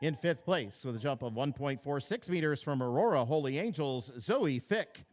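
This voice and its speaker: A man's voice: mid-range voice, lively intonation, darkish tone. A man announcing awards at a track meet over a public address system, calling places, marks and schools, and stretching out the winners' names. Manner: slow, drawn-out name calls.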